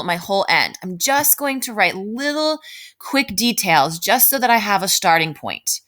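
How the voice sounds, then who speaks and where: A woman with a mid-range, bright, forceful voice gives an informal writing lesson as an elementary school teacher. She explains each step while thinking aloud, regularly checking with the listener by saying "right?"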